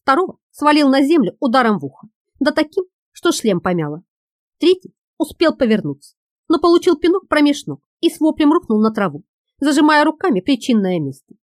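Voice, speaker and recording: A woman narrating an audiobook in a lively, expressive reading. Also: high voice, brisk, dry recording, clean studio sound.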